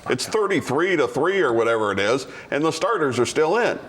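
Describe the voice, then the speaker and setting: A man's voice: on the high side, sing-song, brisk, fairly bright tone. A man co-hosting a sports talk show, casual and teasing, throwing questions to the panel.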